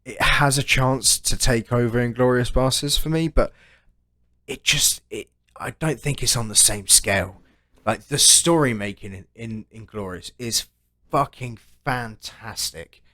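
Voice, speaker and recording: A man's voice: medium pitch, unhurried, sharp tone, no echo. A man co-hosting a casual chat show, telling long rambling stories, swearing freely and ending lines with "right?". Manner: rambling storyteller, tags "right?" onto sentences. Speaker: podcast co-host.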